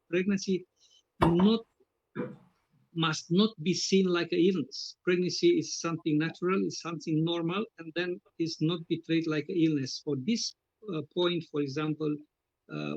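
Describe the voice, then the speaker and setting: Halting Romanian-accented man with gravelly creak. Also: on the high side, dry recording, lo-fi sound. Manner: halting, searching for words. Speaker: seafarers' union representative, speaker. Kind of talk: unscripted formal remarks.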